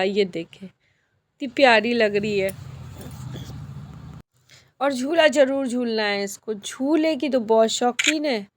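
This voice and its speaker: A woman vlogger narrates her outing casually, chatting and often turning to her viewers as if they were friends. Her voice sits on the high side, with a little hiss or hum.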